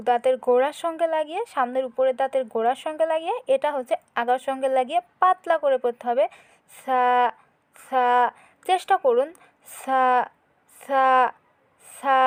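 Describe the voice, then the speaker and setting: A woman's voice: high voice, dry recording. A woman teaching Quran letter pronunciation step by step, patiently repeating each sound for beginners to follow. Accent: Bangladeshi Bengali.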